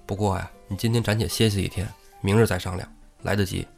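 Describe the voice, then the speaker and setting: A man doing a calm, shrewd strategist. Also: low-pitched, gravelly, soft background music, pitched below the performer's own voice. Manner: calm, measured, soothing.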